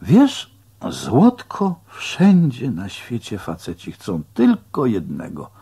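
A man voicing a worldly adult female stripper in an audiobook, speaking in a sassy, knowing way, high above his own voice. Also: huge pitch swings, slow pace, dark tone, husky, full character voice.

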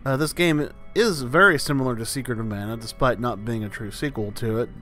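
A man's voice: mid-range voice, brisk, fairly bright tone, soft background music. Dry-witted man narrating a game. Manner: dry, wry humor, meandering. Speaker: let's play host. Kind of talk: gameplay commentary.

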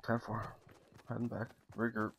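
Playing an online game, a man from a video game podcast calls out to teammates in casual, slangy and profane chat. His voice is low, husky and monotone at a normal pace, and the low-quality voice chat carries faint noise and clicks.

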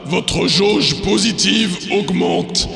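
A solemn godlike arbiter, acted by a man delivers a scripted game intro slowly and with heavy gravel. The voice rings in long reverb over music. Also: high-pitched, sharp tone, exaggerated voice. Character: solemn godlike arbiter announcing challenge rules. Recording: long echoing reverb effect, music behind.

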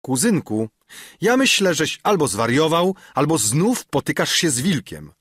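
A man's voice: on the high side, very animated, a little slow, a bit bright, husky, dry recording, studio quality, voice pushed up, full character voice. A man playing a blunt scolding old grandfather. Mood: scolding, gruff.

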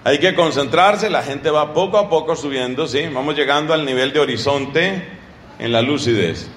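A man preaching a sermon, teaching with rhetorical questions to his listeners in an animated way. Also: a little high, moderate pace, echoey room, slight background noise.

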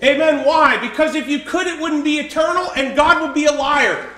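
A man preaching a sermon as pastor, swinging from quiet emphasis to shouted, drawn-out lines. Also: very high-pitched. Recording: echoey church room.

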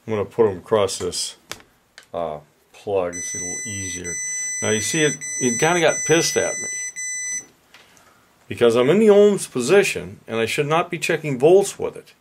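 An older man, an HVAC repair instructor, explaining a hands-on meter demonstration in a plain, folksy, unhurried way at a workshop bench. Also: mid-range voice, big pitch swings, a little hiss or hum.

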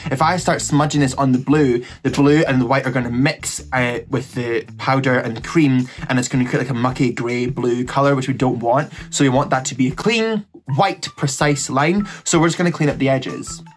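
A young man with a camp, gossipy, slangy manner, chatting through a makeup tutorial as a drag queen. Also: mid-range voice. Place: small indoor setup before a cloth backdrop. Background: background music.

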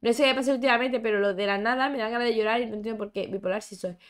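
A young woman gaming YouTuber gives chatty, exclamatory commentary while playing a life-sim game, talking to both her characters and her viewers. Her voice is on the high side, steady, rapid-fire and clean.

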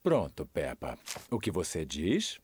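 A man voicing a jolly, proud father pig in a dubbed cartoon, deep and chuckling. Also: huge pitch swings, takes it slowly, a little mellow, slightly rough, dry recording, exaggerated voice. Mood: proud, encouraging. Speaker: Peppa's father.

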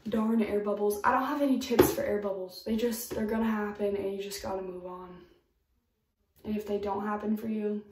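A woman's voice: mid-range voice, steady tone, brisk, echoey room, distant mic, very noisy. A young woman giving casual, emphatic DIY tips in a home bathroom, recorded by a camera in front of her. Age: young adult. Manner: chatty, emphatic, upbeat. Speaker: DIY vlogger.

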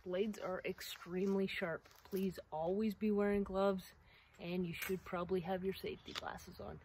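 Beside her sawmill outdoors, the middle-aged owner explains maintenance steps with practical encouragement in a hands-on video. She speaks at a moderate pace with medium pitch, fairly even intonation and a darkish tone, and the camera-mic audio has slight background noise.

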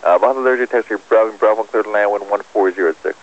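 Crackly radio, fast low-voiced male tower controller. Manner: crackly aviation radio delivery, terse. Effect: radio transmission. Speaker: air traffic controller at an airport tower. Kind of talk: clipped radio air traffic instructions. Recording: muffled, crackly aviation radio recording.

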